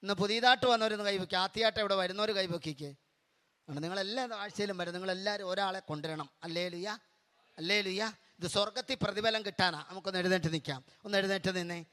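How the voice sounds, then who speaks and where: A man with a Malayali accent leads a prayer meeting in a fervent, exhorting preacher's voice. His voice sits high and sounds bright and ringing. He calls out to the congregation, urging them to praise and pray louder. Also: fast. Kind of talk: Pentecostal-style charismatic sermon and prayer.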